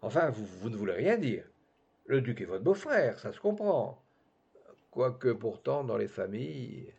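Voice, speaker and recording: A man voicing a sharp-tongued, arch society countess who gossips in a teasing, mocking way. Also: medium pitch, sing-song, a little slow, vocal fry, slightly rough, exaggerated voice. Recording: dull lo-fi recording.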